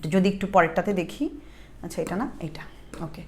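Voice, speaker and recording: A young woman, teaching an English exam-prep lesson. She reads phrases slowly, explains quickly, and often checks in with a rising question. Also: fairly low pitch. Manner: explains slowly, then rapid asides, asks "ঠিক আছে?" with a rising tone.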